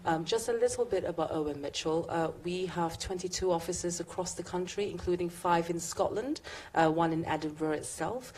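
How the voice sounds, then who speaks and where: A woman from Singapore, a barrister, giving a conference presentation in a measured way, with frequent fillers and restarts. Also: lowish voice, a little mellow, husky. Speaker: barrister speaking at a business event.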